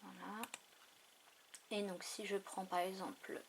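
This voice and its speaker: An unhurried woman narrates a casual screen tutorial, pausing often and musing aloud over each step. Her pace is slow and easy. Mouse clicks and a clear background noise run under her home recording. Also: mid-range voice, flat delivery. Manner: unhurried, thinking aloud with frequent fillers. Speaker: craft tutorial host.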